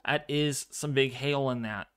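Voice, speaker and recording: A man hosting a live severe weather stream, speaking quietly but clearly in a calm, fairly monotone way while commenting and chatting with viewers. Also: mid-range voice, unhurried. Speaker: livestream weather host.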